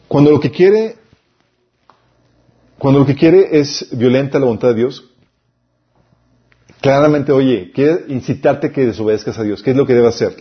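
A man's voice: mid-range voice, highs cut off. A man preaching a sermon-style Bible lesson, emphatic, listing points and reading scripture aloud.

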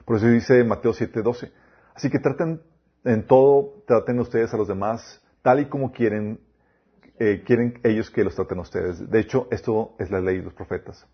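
Husky-voiced man preaching a sermon. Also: lowish voice, normal speed, dull audio. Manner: addresses listeners as "chicos", quotes scripture, rhetorical questions.

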